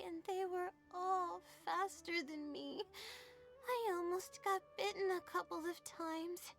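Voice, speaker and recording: A woman's voice: very high voice, heavily acted. A woman voicing a shy, sleepy young female scholar in a video game, who talks hesitantly, rambles and often apologizes. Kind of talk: video game character dialogue.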